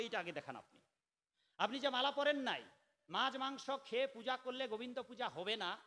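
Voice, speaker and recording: A man preaching a sermon in a scolding, argumentative way, dropping to soft asides and then bursting out loudly. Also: very high-pitched, in a large hall. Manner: scolding, argumentative, switching between soft asides and sudden loud outbursts.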